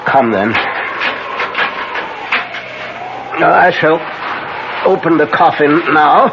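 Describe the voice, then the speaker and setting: An actor playing a grave, commanding vampire-hunting professor in an old radio drama, speaking deliberately and haltingly with solemn weight. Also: male voice, a little high, animated, gravelly. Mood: solemn, measured. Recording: muffled, noisy vintage radio recording.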